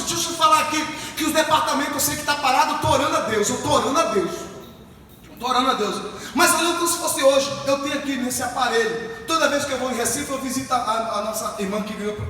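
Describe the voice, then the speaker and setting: A man, a pastor preaching a Pentecostal sermon, telling stories and breaking into shouted exhortation in a church hall. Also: very high-pitched, fast talker, a little hiss or hum. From Northeast Brazil. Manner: storytelling, bursts into shouted exhortation. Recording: echoey church hall, far from mic.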